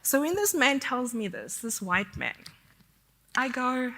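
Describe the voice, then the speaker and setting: A woman's voice: fairly high pitch, expressive, measured pace, gravelly, bright, forceful tone. South African woman talking in a reverberant hall. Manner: candid, conversational, self-deprecating. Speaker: conference speaker. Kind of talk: conference talk.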